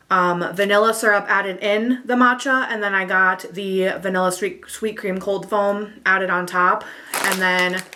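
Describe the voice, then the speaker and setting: A woman's voice: mid-range voice, pushed and bright, slight background noise. A woman vlogging at home, chatting casually into a camera mic, with lots of "um" and "like" and a slightly out-of-breath delivery. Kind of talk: casual eat-with-me chat.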